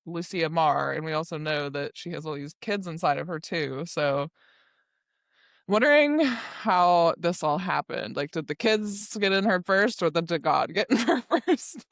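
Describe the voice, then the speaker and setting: A woman's voice: fairly low pitch, lively intonation, unhurried, no room sound. Woman cohost rambling about a book, laughs a lot, swears, dry close studio sound. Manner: rambling, laughs often, curses freely. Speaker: podcast co-host. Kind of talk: casual book discussion. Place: recording studio.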